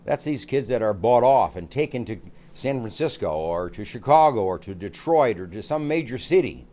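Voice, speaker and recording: A man's voice: lowish voice, a little mellow. An older American man, a psychologist, giving earnest parenting advice and repeating phrases for emphasis. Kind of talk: advice talk to camera.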